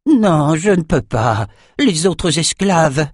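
A man's voice: a little high, very animated, takes it slowly, breathy edge, dry recording, clean studio sound, voice pushed up, full character voice. A man voicing a fearful old slave. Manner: hesitant, fearful. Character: frightened old male kitchen slave.

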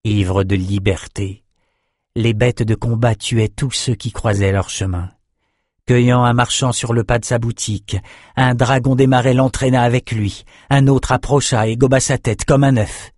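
Steady male audiobook narrator, dry close sound. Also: medium pitch, normal speed, no room sound. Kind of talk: scripted narration.

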